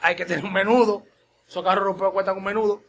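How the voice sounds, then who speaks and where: A man with a Dominican accent, co-hosting a podcast in lively, jokey casual chat. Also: high voice, creaky. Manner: lively, jokey, quick to cut in. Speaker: podcast host.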